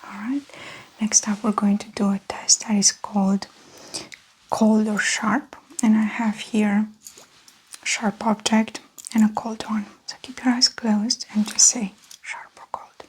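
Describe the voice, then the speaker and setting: Whispered role-play, woman as calm doctor. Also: medium pitch, a little slow, slight background noise, low-quality recording. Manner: soft, gentle ASMR delivery. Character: calm doctor giving a physical exam. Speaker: ASMR performer playing a doctor.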